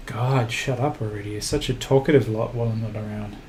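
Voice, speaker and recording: A man's voice: on the low side, fairly even intonation, a little fast, darkish tone, slight background noise. A man with a thick New Zealand accent hosting a livestream, chatting casually in a joking, teasing, self-mocking way. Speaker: livestream host.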